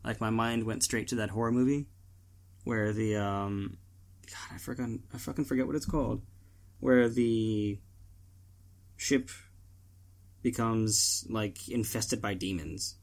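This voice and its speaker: A man's voice: fairly low pitch, unhurried, pauses often. A man co-hosting a podcast, rambling casually with many filler words. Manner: rambling, heavy use of "like". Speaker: podcast co-host. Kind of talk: casual chat.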